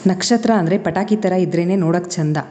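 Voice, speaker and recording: A woman narrating a romantic family story in a measured, expressive way. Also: lowish voice, in a large hall, a little hiss or hum.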